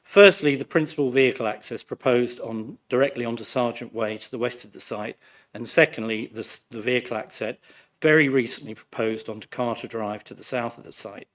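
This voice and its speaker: A man, his voice croaky from flu, reading a formal, measured and critical speech as a councillor. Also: mid-range voice, fairly bright tone. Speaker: ward councillor addressing a planning committee. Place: council meeting room.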